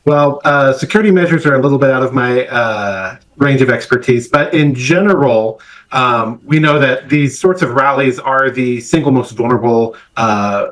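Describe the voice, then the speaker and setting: Middle-aged guy, professor type, talking careful and academic in a news interview, lots of uhs and ums, mid pitch. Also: a bit bright, poor audio. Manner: measured, academic, many "uh" and "um" fillers. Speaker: political science professor, interview guest.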